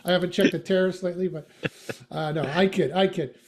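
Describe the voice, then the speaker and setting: A man's voice: sits high, fairly even intonation, brisk. A middle-aged man from Western Canada with a slight Canadian accent, chatting as a podcast guest with many fillers, restarts and joking asides. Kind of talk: casual interview chat.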